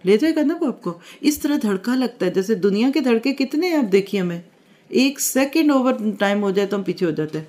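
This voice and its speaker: A woman's voice: a little high, animated, a little mellow. A woman religious teacher giving a devotional lecture, earnest and heartfelt, urging her listeners on with everyday examples.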